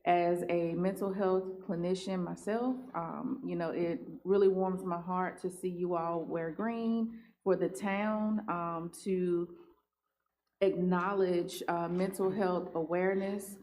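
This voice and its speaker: A woman's voice: on the low side, steady tone, slow. A councilwoman and mental health clinician giving thankful remarks at a town council meeting, with frequent ums and you-knows. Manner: warm, thankful, filler-heavy.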